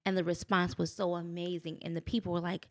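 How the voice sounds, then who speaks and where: A woman guest on a podcast, telling her story in a casual, animated way and jumping into high voices when she quotes people. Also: quick pace.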